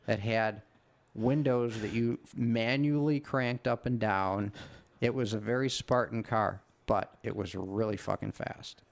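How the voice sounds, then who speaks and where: A man's voice: on the low side, steady tone, measured pace, creaky. A middle-aged man casually telling a long, rambling anecdote on a podcast, swearing freely. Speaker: podcast co-host. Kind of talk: casual storytelling chat.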